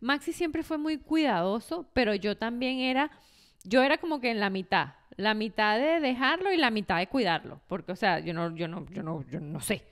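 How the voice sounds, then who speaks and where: A woman's voice: on the high side, lively intonation, normal speed. A woman, co-hosting a casual chat podcast, talking expressively and laughing often. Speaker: podcast co-host.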